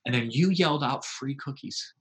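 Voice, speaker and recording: A man voicing a hungry man who lost his job, telling his story in an earnest, slow way. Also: medium pitch, fairly bright tone, natural voice.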